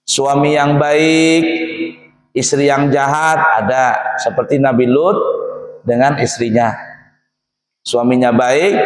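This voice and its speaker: A man preaching a humorous sermon, telling a story and acting out the characters, laughing at his own jokes. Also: medium pitch. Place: mosque or Islamic boarding school hall. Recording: echoey hall, long reverb.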